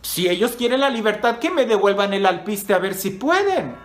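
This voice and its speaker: A man voicing a cruel, cocky boy who carries caged birds, in a raised, drawn-out storyteller voice. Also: sits high, very animated. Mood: boastful.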